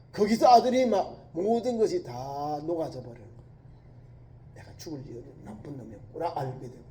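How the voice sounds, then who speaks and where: A male pastor preaching a sermon, telling a story with emphasis and dropping from loud to hushed. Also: extremely high pitch. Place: church sanctuary. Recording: echoey church hall.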